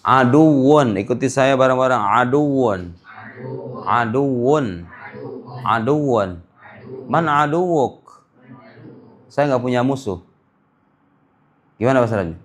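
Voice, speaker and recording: A man teaching a language class, repeating phrases slowly for students to copy and dropping playful asides. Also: medium pitch, animated. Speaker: Arabic teacher.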